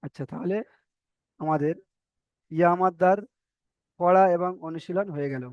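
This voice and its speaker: A male teacher, giving a step-by-step recitation lesson, spelling out letters slowly and repeating syllables. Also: high-pitched, steady tone, dry recording, dull audio. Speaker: Quran reading teacher.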